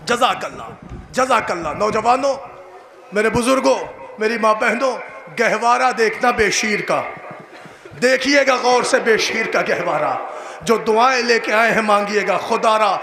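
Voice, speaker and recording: A man's voice: high-pitched, gravelly. A man with an Indian Urdu accent, a cleric giving an impassioned mourning sermon that rises into a chanted lament at an outdoor gathering. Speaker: Shia cleric giving a majlis address. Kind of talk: mourning sermon rising to sung wailing. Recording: echoey live PA with crowd noise. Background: crowd of mourners.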